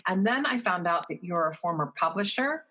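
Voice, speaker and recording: A woman's voice: lowish voice, expressive, normal speed, sharp tone, breathy edge, rough recording. A woman hosting a talk radio show, chatting effusively with her guest and using filler words.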